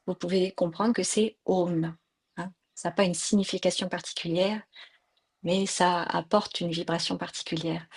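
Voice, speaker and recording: Lowish-voiced woman teaching a mantra class online, patient, lots of "euh", computer mic. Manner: patient, explains pronunciation slowly, many fillers.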